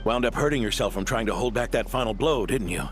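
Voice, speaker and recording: A man's voice: medium pitch, animated, fast, faint music behind, close to an everyday voice. A man voicing an aging, caring knight in a video game, weary and strained as if nursing sore muscles. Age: middle-aged.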